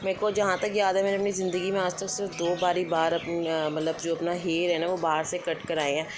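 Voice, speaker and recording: A woman's voice: lowish voice, flat delivery, fairly quick. A woman in her thirties talks through her day at home in an easy, chatty way, slipping English words into her sentences. Her voice rings a little in an echoey room. Music plays steadily beneath her. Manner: chatty, thinking aloud, mixing in English words. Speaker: homemaker vlogger. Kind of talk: casual daily vlog narration. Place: home kitchen.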